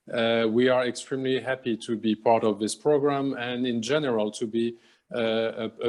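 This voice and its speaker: A man's voice: medium pitch, darkish tone. A man whose first language is French, giving short welcome remarks in English on a video call, hesitant and full of fillers. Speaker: film board representative.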